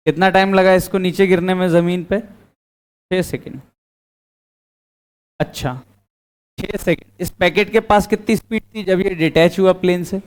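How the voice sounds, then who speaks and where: A man teaching physics in a classroom, asking the students questions and answering them himself. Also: sits high. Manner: quizzing students, answering his own questions. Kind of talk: classroom lecture.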